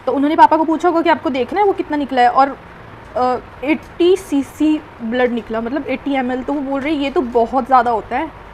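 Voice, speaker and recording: A young woman with a high voice talks straight to camera in a casual storytime vlog, recounting her injury in an animated, rambling way with many fillers. A faint hiss of background noise sits under her voice. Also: brisk, low-quality recording. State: recovering from knee injury. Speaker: vlogger.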